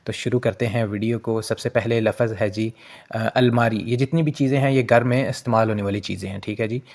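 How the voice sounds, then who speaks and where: A man's voice: fairly low pitch, steady tone, a little mellow. Man teaching words, repeating each twice. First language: Urdu. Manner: repeats each word slowly, adds "theek hai ji". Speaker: language teacher. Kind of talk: casual vocabulary lesson.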